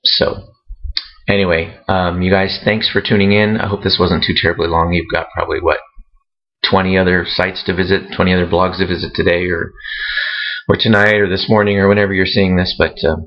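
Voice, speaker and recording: A man talking casually to his readers in a vlog, halting and rambling with many fillers and restarts. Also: low voice, little pitch movement, lo-fi sound. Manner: self-conscious about speaking on camera. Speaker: author vlogging to readers.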